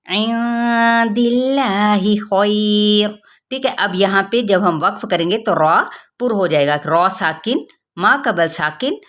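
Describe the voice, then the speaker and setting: A woman teaching Quran recitation rules, chanting verses slowly and then explaining the pronunciation step by step, asking and answering her own questions. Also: lowish voice, a bit bright. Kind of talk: tajweed lesson with slow chanted recitation.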